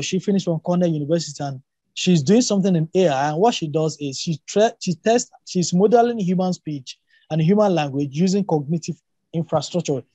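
Speaking off the cuff in an academic discussion, a man whose first language is Yoruba explains things emphatically, often repeating and rewording himself and posing rhetorical questions. His voice is fairly high and warm, with no echo.

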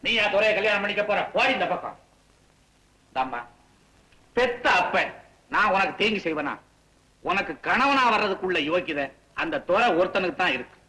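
A man's voice: sits high, animated, normal speed, long pauses. An actor playing a stubborn, domineering father in an old film, laying down orders. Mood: commanding. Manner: commanding, forceful. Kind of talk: 1970s Tamil film acting. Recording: echoey old film soundtrack.

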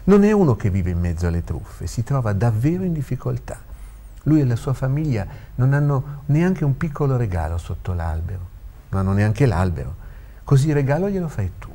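A man voicing an elderly, authoritative father who speaks in a measured, gently instructing way, in a read-aloud story. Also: medium pitch, very animated, pitched above the performer's own voice.

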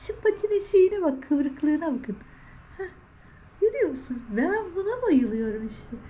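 A woman's voice: very high voice, animated, measured pace, warm tone. A woman vlogging with her cats on a balcony, talking to them in doting, cooing baby talk. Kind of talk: casual talk to pets. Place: outdoor balcony.

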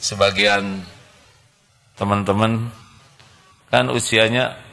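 A man's voice: on the low side, slow pace, creaky, faint music behind. A man, preaching a folksy, humorous sermon into a handheld microphone. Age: 60s. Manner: folksy, humorous, moving between soft pleading and animated emphasis. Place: stage before a large indoor congregation.

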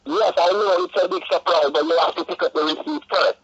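A man working as a telemarketer, reciting a scripted pitch in a rushed, insistent, repetitive manner over the telephone. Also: very animated, creaky, a bit bright, slight background noise. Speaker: telemarketer (scam caller). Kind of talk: scripted phone sales pitch. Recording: muffled telephone call audio.

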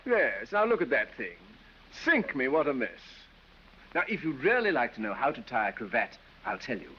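A husky, medium-pitched, very animated male voice at a moderate pace plays an affected, foppish English aristocrat with an English accent in 1930s film acting. The foppish banter is drawling and silly, he laughs at his own jokes, and the dull 1930s soundtrack has a faint hiss.

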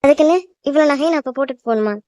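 A woman's voice: high-pitched, racing, mellow, dry recording, lightly acted. A woman voicing a young cartoon bride, a devoted daughter who teases and reassures her mother. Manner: teasing, reassuring, chatty. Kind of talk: cartoon voice acting.

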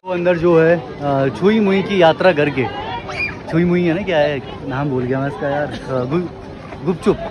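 A man's voice: a little high, normal speed. A man in his thirties, chatting cheerfully to his viewers while walking through a busy tourist spot outdoors, filming on a phone held at arm's length. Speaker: family vlogger. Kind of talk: casual travel vlog narration. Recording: loud crowd and noise around.

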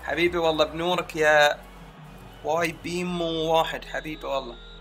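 Excitable gamer, fast talker. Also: male voice, on the high side, faint music behind. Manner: excitable, shouts at his own players mid-match. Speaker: gaming streamer. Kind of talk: live gameplay commentary.

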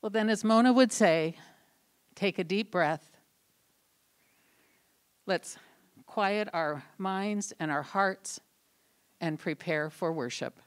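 Older woman worship leader, smooth resonant voice, handheld mic in a church. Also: mid-range voice, slow pace, pauses often. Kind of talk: church announcements and prayer. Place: church sanctuary, indoors. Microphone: handheld mic at a lectern.

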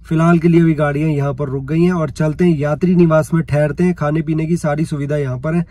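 A travel vlogger narrates a road trip while filming handheld outdoors and around a rest house, chatting casually with viewers. His voice is on the high side, mellow and fast with fairly even intonation and no echo, and he keeps saying "so ji" and "dekh sakte ho."

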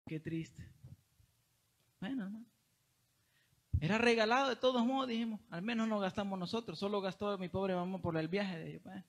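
A man's voice: sits high, fast. A young man from El Salvador with a Salvadoran Spanish accent, telling a testimony in a sermon and often calling listeners brother. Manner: animated storytelling, addresses listeners as brother. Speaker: preacher.

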